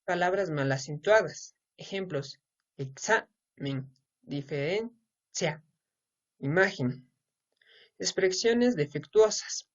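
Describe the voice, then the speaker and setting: A student presenter reading a school presentation, listing examples one by one in a slow, deliberate way. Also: mid-range voice, lively intonation. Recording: dull lo-fi recording.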